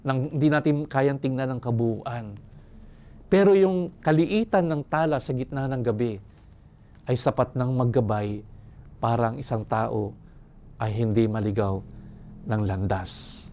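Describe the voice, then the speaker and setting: A man's voice: medium pitch, a little slow, pauses often, mellow. An older man from Manila, a priest giving a reflective retreat sermon, speaking conversationally with chuckles and tag questions. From Manila, Philippines. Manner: conversational, chuckles and asks "no?" often. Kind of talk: reflective sermon with personal stories.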